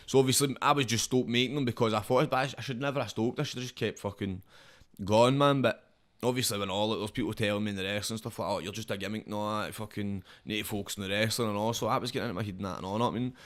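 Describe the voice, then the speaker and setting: Rattling along very fast, a broad-accented Scotsman guests on a podcast, a social media comedian who also wrestles. His voice is on the low side, a bit bright, with fairly even intonation, and he wanders through slang-heavy talk, cursing freely and leaning on verbal tags.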